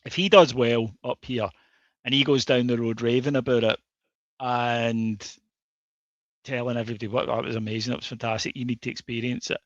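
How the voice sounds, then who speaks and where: Brisk and flat in delivery, a medium-pitched Scottish man co-hosts a football podcast, chatting casually and hesitantly with frequent fillers and restarts. There's no echo; the recording is dull, dry, and lo-fi.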